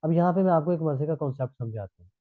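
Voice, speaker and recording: Speaking very fast in an expressive, rather high voice, a Pakistani teacher runs a live online class while his throat is sore. He explains each point and keeps checking in with his students, repeating "thik hai." The phone-like line sounds tinny, dry, and close, with no room sound.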